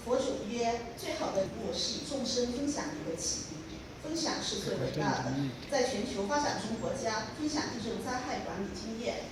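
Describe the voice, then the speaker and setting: Female interpreter, higher voice, measured formal delivery, distant in a very echoey hall with audible noise. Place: large hall.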